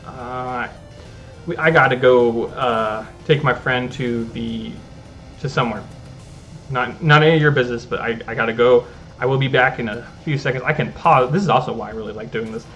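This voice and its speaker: The recording is muffled as an easygoing man who hosts a gaming channel talks casually through his play, at a moderate pace and middle pitch. He keeps cutting himself off and looping back, with gentle game music playing quietly underneath.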